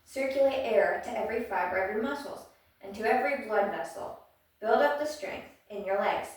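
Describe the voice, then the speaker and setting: A woman's voice: a little high, moderate pace, lightly acted. A breathless woman voicing an injured young male swordsman in a determined inner monologue. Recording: very echoey room, mic far off.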